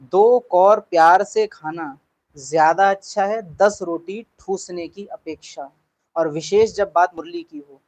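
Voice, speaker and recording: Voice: medium pitch, slow pace, darkish tone, poor audio. Spiritual teacher giving a class, earnest, keeps repeating the key points, asks the room questions.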